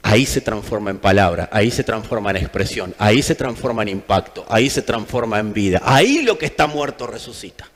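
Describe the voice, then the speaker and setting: Here an Argentine-accented man delivers an emphatic sermon, repeating lines for effect, in a fairly low voice with lively intonation. He speaks fairly quickly and barely pauses, and the recording has a long hall reverb.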